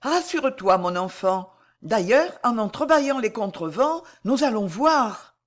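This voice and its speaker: Woman reading fearful noble mother, audiobook, urgent pleading, raised pitch. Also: very animated, measured pace. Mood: reassuring. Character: anxious noble mother, middle-aged woman.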